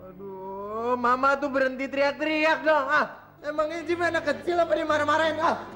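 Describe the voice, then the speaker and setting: A spoiled, whiny young son. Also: male voice, very high-pitched, fairly even intonation, a little fast, sharp tone, soft background music. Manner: whiny, sulky, then threatening. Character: spoiled hungover young man turning menacing. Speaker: grown son. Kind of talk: TV drama acting.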